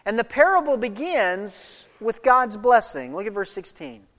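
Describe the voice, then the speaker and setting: Lively preacher with allergy coughs, echoing hall. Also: mid-range voice, a little slow. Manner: animated, emphatic preaching with chatty asides. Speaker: pastor. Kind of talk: sermon. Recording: long hall reverb.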